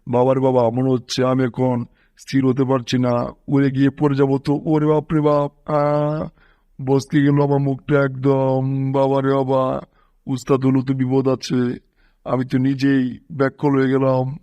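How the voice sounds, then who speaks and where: A man's voice: mid-range voice, completely flat delivery, unhurried, no room sound, close to an everyday voice. A small, bragging cartoon fight master, voiced by a man with a mid-range voice. The recording is dry and slightly dull, with a lo-fi sound. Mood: groaning. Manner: bragging, groaning when hit. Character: small boastful male cartoon martial-arts master.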